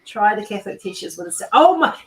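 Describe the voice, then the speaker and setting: Big pitch swings mark this woman's mid-range voice as she talks fast against a noisy background. She's a livestream host telling rambling stories in a casual video-call chat, chatty and loose, saying "like" often and restarting.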